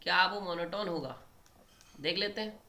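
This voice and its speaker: A man's voice: sits high, moderate pace, pushed and bright. A man teaching a maths lecture, explaining step by step and often checking in with his students. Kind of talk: online exam-prep lecture at a board.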